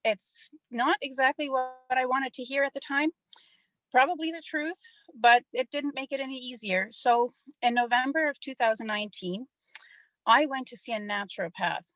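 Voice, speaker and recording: A woman's voice: sits high, normal speed, a bit bright, no room sound, low-quality recording. A middle-aged woman, somewhat nervous, giving a personal testimonial on a group call.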